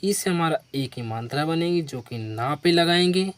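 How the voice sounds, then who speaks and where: A man's voice: fairly high pitch, expressive, a little slow. A man teaching beginners, spelling out words letter by letter and asking questions back to the learner. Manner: spells letters one by one and asks the viewer to repeat. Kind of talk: slow spelling lesson for beginners.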